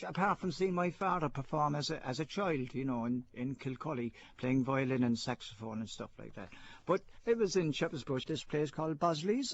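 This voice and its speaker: A man in his sixties with a Cork accent, reminiscing chattily and self-mockingly, in a dull radio recording. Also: fairly high pitch. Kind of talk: personal reminiscence.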